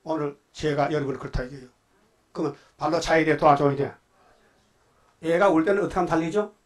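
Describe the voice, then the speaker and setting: A male pastor giving a Sunday afternoon sermon, telling Bible stories in casual speech and prodding the congregation with quick questions. He swings between loud outbursts and quiet asides. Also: on the high side, steady tone. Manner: colloquial storytelling preaching, prodding the congregation with "예?".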